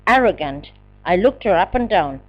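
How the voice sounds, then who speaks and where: A woman narrates her memoir in the first person with strong emotion. Her pitch moves a lot, and the recording sounds dull and lo-fi. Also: expressive, normal speed. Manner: emotional, dramatic reading.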